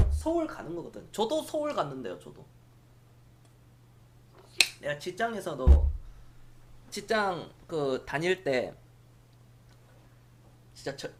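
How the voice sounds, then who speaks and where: A middle-aged man from Jeolla hosts a casual stock-market live stream. He rambles from one point to the next and answers viewers' comments aloud. His pitch rises and falls a lot as he talks. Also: a little hiss or hum. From Jeolla province, South Korea.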